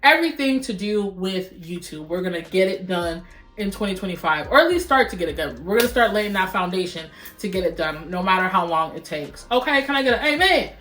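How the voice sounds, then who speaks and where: A woman's voice: lowish voice, lively intonation, brisk, fairly bright tone. Sing-songy young woman vlogging. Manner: sing-songy, playful, breaks into little chants. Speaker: YouTube vlogger. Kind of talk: casual vlog chat to camera. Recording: roomy echoey room.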